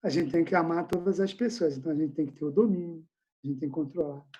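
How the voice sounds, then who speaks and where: A man's voice: a little high, fast talker, mellow, muffled recording, slight background noise. A male pastor leading an informal Bible study question-and-answer session over a video call from home, talking in a casual, slangy, conversational way.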